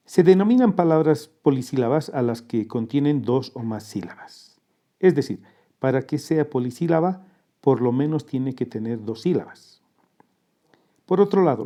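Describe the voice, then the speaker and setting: A man narrating a scripted lesson in a calm, methodical manner, walking step by step through each example. His voice is very dark and mellow, at an ordinary middle pitch. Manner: measured, methodical, breaks words into parts. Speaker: teacher.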